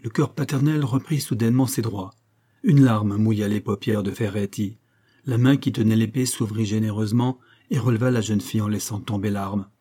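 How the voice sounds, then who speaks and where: Man narrating a classic tale, dark mellow voice. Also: on the low side, steady tone, moderate pace, breathy edge. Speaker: audiobook reader. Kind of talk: scripted narration of a classic novella.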